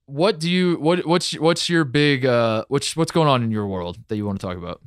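A man's voice: mid-range voice, moderate pace, clean tone, dry recording, studio quality. A man co-hosting a podcast, blunt and skeptical, swearing casually as he talks. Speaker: podcast co-host.

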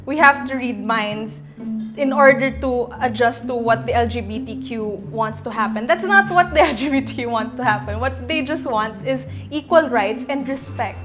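A woman's voice: a little high, normal speed, a bit bright. A woman in her twenties with a Filipino accent, a law student speaking earnestly in a studio interview. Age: 20s. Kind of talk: interview commentary. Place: indoor studio, grey backdrop, seated. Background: background music.

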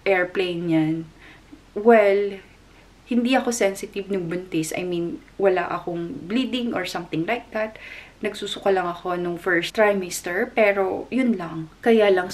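A young woman from the Philippines, chatting casually to the camera in a vlog, emotional and quick to laugh. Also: medium pitch, a little hiss or hum. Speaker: vlogger.

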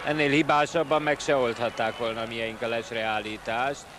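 A man giving excited, exclamatory live football commentary, partisan and urging the players on. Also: mid-range voice. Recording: old TV broadcast over loud crowd noise. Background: loud stadium crowd.

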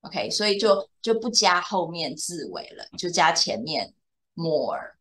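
A woman's voice: on the low side, big pitch swings, unhurried, a bit bright. A woman teaching English to a young student one on one, explaining patiently and checking often that the student follows. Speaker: English tutor. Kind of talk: bilingual tutoring lesson.

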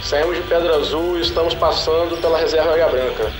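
A fairly high-voiced man reports in over a walkie-talkie, his calls short and clipped. The radio voice sounds roomy and echoey, with music playing loudly underneath. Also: fairly even intonation, fast. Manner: clipped radio call-outs. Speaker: expedition team member.

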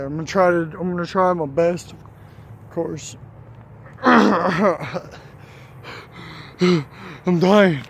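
A young man rambles through a casual vlog, short of breath and repeating himself. His voice sits slightly high. Faint outdoor hum and passing traffic sit behind him. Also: vocal fry, darkish tone. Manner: rambling, repeats "of course" constantly. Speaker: vlogger.

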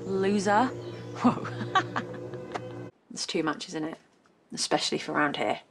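A woman's voice: low voice, a little slow, background noise. An actress playing a sly, sarcastic female villain in a British soap drama, taunting the people around her. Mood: playful.

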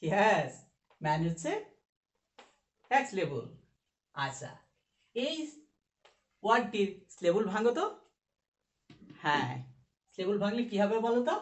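A man's voice: sits high, sing-song, unhurried, long pauses. A man teaching a recorded class, who asks his students questions and answers them himself. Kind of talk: recorded online class lesson. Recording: echoey room.

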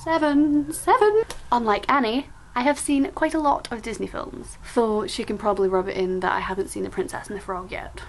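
A woman's voice: medium pitch, steady tone, fairly quick, hardly any pauses, slight background noise, rough recording. Chatty seventeen-year-old Scottish girl. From Scotland. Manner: chatty, self-mocking and playful. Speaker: vlogger. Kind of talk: casual vlog chat.

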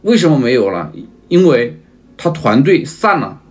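A man's voice: mid-range voice, sing-song, normal speed. A man on a livestream who keeps calling his viewers family, repeats himself and asks again and again whether they agree. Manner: repetitive, emphatic. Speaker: livestream seller.

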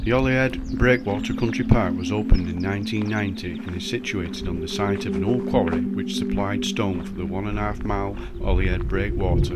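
Low-voiced male hiking narrator over loud backing music, measured scripted delivery.

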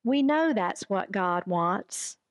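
A woman's voice: mid-range voice, lively intonation, slow, dry recording, clean studio sound. A woman voicing a determined biblical sister who insists that an unjust situation must change. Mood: resolute. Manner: firm, earnest.

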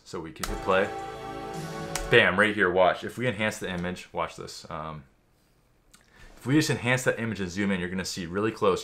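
A man with a very low voice talking through a mock magic tutorial in a casual, offhand way. He sounds boastful and sure of himself, like a self-styled expert, with music playing clearly behind him. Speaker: YouTuber.

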